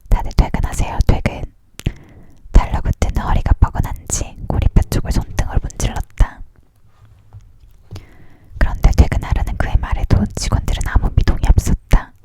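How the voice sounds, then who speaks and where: Whispering closely as if leaning in, a person reads a story aloud for ASMR, keeping both the narrative and the spoken dialogue in a whisper throughout.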